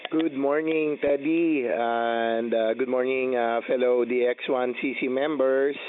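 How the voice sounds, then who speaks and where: A man with a Filipino accent checks into an amateur radio net over a two-way radio transmission, repeating his call sign in a brisk manner. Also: medium pitch, steady tone. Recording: narrow two-way radio band with faint hiss.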